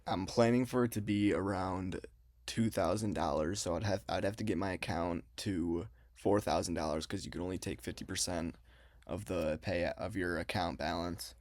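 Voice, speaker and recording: A man's voice: low voice, moderate pace, darkish tone, no room sound. A young man talking casually in an explanatory vlog, his mouth numb after having a cavity filled. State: mouth numb from a dental filling. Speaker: trading vlogger.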